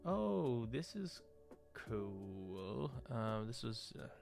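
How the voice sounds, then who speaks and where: Speaking over music, a male streamer and visual artist thinks aloud in hesitant fragments as he works on screen for a livestream. His lowish voice has vocal fry and is very animated yet extremely slow.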